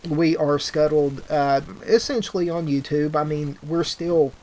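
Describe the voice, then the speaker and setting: A man hosting a podcast in casual chat, rambling with halting restarts and calling people "dude". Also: on the high side, darkish tone. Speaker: podcast host.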